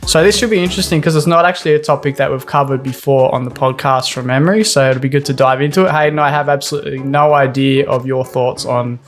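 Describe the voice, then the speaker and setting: A man co-hosting a podcast, chatting casually and giving his opinions in a relaxed way. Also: mid-range voice, quick pace, hardly any pauses, soft background music. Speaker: podcast co-host.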